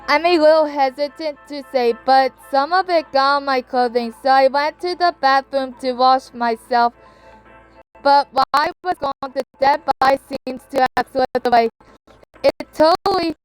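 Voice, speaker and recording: A woman's voice: high voice, poor audio. A woman voicing an erratic, mocking young woman who cheerfully confesses to killing, in a sing-song manner that swings abruptly, in a fan reading of a novel. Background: faint game music.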